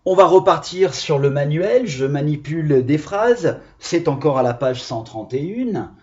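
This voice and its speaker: A male primary school teacher, giving a reading lesson on video and sounding out syllables slowly and carefully. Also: on the high side, lively intonation, darkish tone. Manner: slow, deliberate, over-articulated syllables. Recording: dull lo-fi sound.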